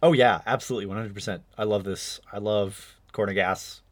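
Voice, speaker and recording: A man co-hosting a relaxed podcast, recounting TV gags with lively energy. He jumps into a high voice when quoting characters. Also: a little fast. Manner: animated storyteller who acts out quotes in a high voice. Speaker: podcast co-host. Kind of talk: casual chat.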